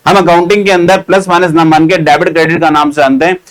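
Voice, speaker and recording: A man's voice: a little high, fairly even intonation, fast, smooth, poor audio. Man teaching with repetition and self-questions. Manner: repeats key points, asks and answers his own questions; acts out student questions himself. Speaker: accountancy teacher. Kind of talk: classroom lecture.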